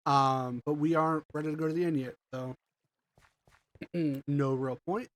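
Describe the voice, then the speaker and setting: A congested, allergy-stricken gamer narrates his block-building stream, rambling and thinking aloud in casual commentary. His voice is a little high and steady, his pace measured, with a bit of hiss or hum in the audio.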